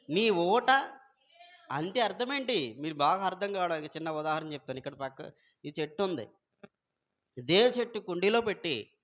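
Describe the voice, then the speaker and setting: A pastor with a high voice delivers a Sunday sermon, quizzing his congregation and alternating between loud exclamations and quiet asides.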